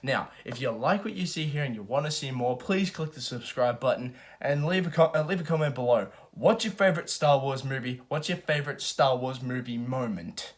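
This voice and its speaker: A man giving a casual, rambling film review, excited and profane. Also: medium pitch, a little fast, hardly any pauses.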